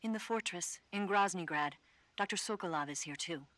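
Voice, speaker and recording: Here the actress, voicing a female spy's briefing for a video game radio call, is lightly acted: cool, confident, urgent, assured and matter-of-fact. Her voice is on the low side and fairly bright, at normal speed, with no room sound.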